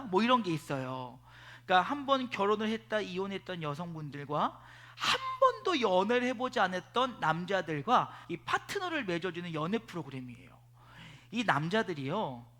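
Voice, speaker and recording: A male pastor preaching a sermon at a church service, telling stories in an animated way and swinging between loud and hushed delivery. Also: sits high. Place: church sanctuary.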